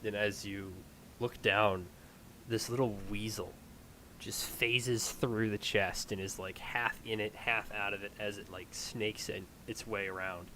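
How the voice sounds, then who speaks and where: A man with a fairly low, bright voice works as a game master. He improvises descriptive second-person narration in a halting way, with faint noise in the background. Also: fairly even intonation, low-quality recording.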